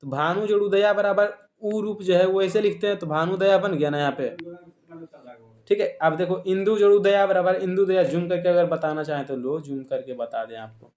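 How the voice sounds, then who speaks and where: A man's voice: high voice, normal speed, a little mellow, roomy sound. A man with a Bihari Hindi accent teaching a grammar lesson online, explaining step by step and repeating each example.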